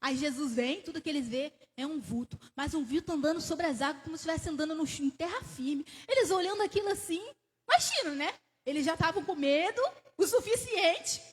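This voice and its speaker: A woman with a Brazilian Portuguese accent preaching a sermon in a church, telling the story with animated rises and questions to the congregation. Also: high-pitched. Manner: laughs between phrases. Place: church sanctuary. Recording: church hall with long reverb.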